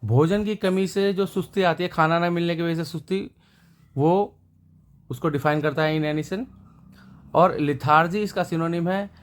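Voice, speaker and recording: A man teaches English vocabulary to viewers, repeating each word before explaining its meaning and giving synonyms. His voice is a little high, unhurried, with fairly even intonation.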